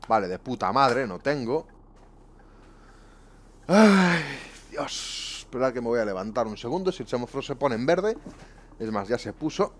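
This YouTuber's medium-pitched voice is sing-song and moderately paced, with long pauses and a bit of hiss or hum. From his home room he narrates a bus-driving game live, swearing frequently and complaining to viewers in exasperation.

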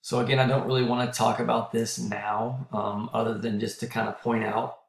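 A man giving a recorded college lecture, clearing his throat often and checking in with "okay?", as he is losing his voice. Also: mid-range voice, flat delivery, brisk, echoey room.

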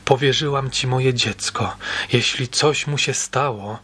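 A man's voice: medium pitch, big pitch swings, normal speed, a bit bright, slightly rough, heavily acted. A man voicing a worried mother who speaks in clipped, tense words through clenched teeth, in an audiobook. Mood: icy. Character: anxious mother turning icy and furious.

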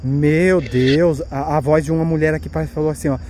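A man with a Brazilian Portuguese accent hosts a paranormal investigation vlog outdoors at night, giving live ghost-hunting commentary in an anxious, exclamatory way while pointing things out. His slightly high voice is steady in tone and brisk. Loud crickets and insects sound behind him, with slight background noise.

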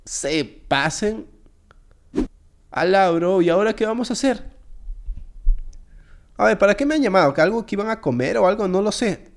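Excitable man commentating a game. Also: sits high, a little fast, pauses often. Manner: jokey, excitable, talks straight to viewers. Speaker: gaming video creator. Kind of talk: casual gameplay commentary.

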